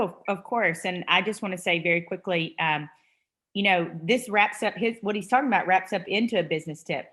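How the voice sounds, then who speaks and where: A woman's voice: fairly low pitch, sharp tone. A woman hosting a mentoring video call, talking in long, heartfelt, encouraging run-on thoughts.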